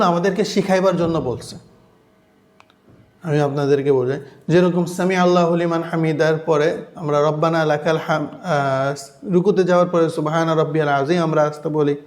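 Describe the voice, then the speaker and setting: Higher-voiced man lecturing. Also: a little mellow. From Bangladesh. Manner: explanatory, often asks the listeners "right?"; recites Arabic phrases between Bengali explanation. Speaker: Islamic lecturer. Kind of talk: religious lecture.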